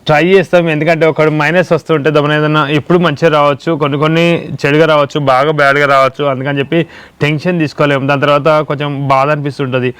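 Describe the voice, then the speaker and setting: A man co-hosting a casual vlog, answering viewer comments in rambling, quick explanations at home. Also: on the high side, level tone, a bit bright, clear, resonant tone, no room sound. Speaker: vlog co-host.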